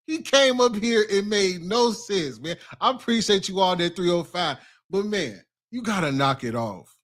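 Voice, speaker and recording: A man's voice: high voice, pushed and bright. A man hosting a casual live stream, teasing and laughing easily. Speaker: host.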